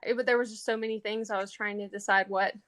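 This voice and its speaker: A young woman in her twenties from East Texas, a college senior answering interview questions in a soft, halting way with many ums. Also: mid-range voice, steady tone, dry recording. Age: 20s. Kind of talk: casual interview.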